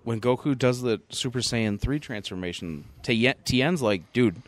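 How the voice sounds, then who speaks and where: A man co-hosting a podcast in casual chat, animated and swearing freely, often laughing. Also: mid-range voice, measured pace, no echo. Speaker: podcast co-host.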